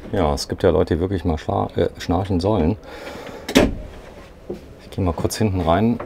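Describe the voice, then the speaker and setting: A man's voice: low-pitched, normal speed, gravelly, very noisy. A man hosting a walkthrough interview, upbeat and summing up features with questions, inside a camper van at a trade fair. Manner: upbeat, asks questions and sums things up. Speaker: interviewer and show host.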